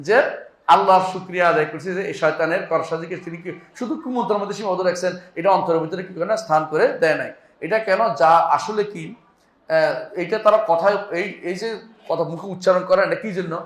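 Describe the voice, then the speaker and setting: A man's voice: sits high, a bit bright, roomy sound. A male preacher giving a conversational sermon, often asking his listeners rhetorical questions. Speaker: Islamic preacher.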